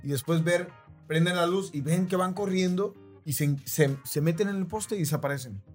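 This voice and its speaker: A man's voice: high voice, normal speed, soft background music. Rambling Mexican man telling a story. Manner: rambling, keeps checking in with listeners. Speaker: podcast host. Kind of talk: casual storytelling.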